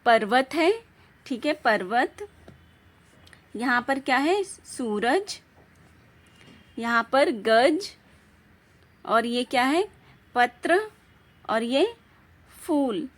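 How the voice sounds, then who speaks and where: A woman teaching a grammar lesson, speaking slowly, repeating words and asking the class questions. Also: high-pitched, expressive. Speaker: Hindi teacher.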